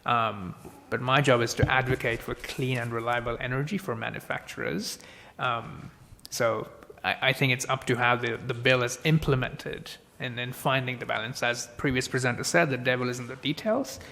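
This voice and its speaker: A man presenting for an industry group at a committee hearing, answering in a measured, hedging way. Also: mid-range voice, fairly even intonation, gravelly, pushed and bright. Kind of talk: committee testimony answering questions. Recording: long reverb in a hearing room.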